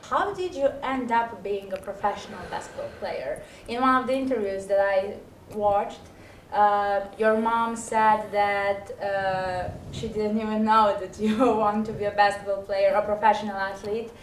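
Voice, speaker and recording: A woman interviewing a guest, asking her questions softly and a little hesitantly, with fillers. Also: medium pitch, fairly even intonation, a little slow. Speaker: club interviewer. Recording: echoey room, faint noise.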